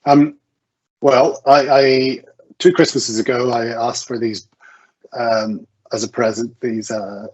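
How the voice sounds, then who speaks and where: Appearing as a guest author at an online video event, a man talks in a conversational way, hesitating, self-correcting and restarting his sentences with stammers as he thinks aloud. His medium-pitched voice is fairly even, slow and slightly rough. The call audio is muffled and lo-fi.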